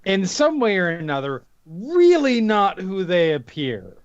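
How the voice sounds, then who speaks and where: A man's voice: sits high, wildly swooping pitch, unhurried, dry recording, dull audio. A man playing a tabletop roleplaying game, chatting casually in a hesitant, wry way with some swearing.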